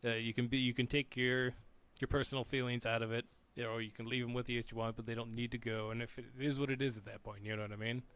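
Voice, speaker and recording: A man co-hosting a casual podcast, wandering through his points with plenty of "you know what I mean". His voice is clear and resonant at an ordinary pitch. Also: fast. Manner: relaxed, rambling, fillers. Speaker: podcast co-host. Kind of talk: casual chat.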